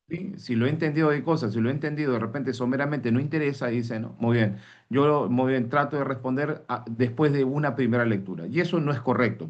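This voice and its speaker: A male teacher from Peru giving an online reading class, explaining step by step and often asking himself "what?" before he answers. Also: mid-range voice. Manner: explains step by step, asks himself rhetorical questions; tags lines with "¿no?" and "mis estimados". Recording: dull lo-fi sound.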